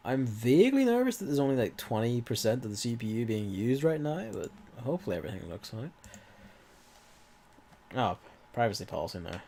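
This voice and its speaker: A man's voice: mid-range voice, very animated, fairly quick, mellow. A man with an irritated throat and a cough, rambling through casual let's-play commentary with offhand swearing and muttered asides. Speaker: gaming video host.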